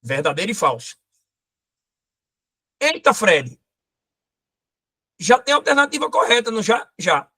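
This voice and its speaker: Lively man teaching grammar. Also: sits high, measured pace, pauses often, slightly rough. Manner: lively, pointing things out, talking to a co-host. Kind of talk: exam-prep grammar lesson.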